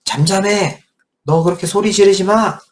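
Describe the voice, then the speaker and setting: Harsh scolding crowd done by a male teacher: high, loud, slow hushing orders. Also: natural voice. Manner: sharp, loud hushing commands.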